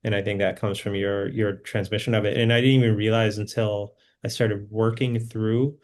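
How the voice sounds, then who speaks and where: A man who is a filmmaker guest in a casual conversation. He speaks thoughtfully and with hesitation, with many pauses. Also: on the low side, level tone.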